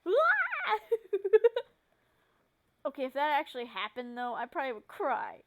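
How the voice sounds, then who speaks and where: A woman's voice: fairly high pitch, moderate pace. A woman streamer chatting casually and teasing her friend, with playful dramatic outbursts. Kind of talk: casual chat.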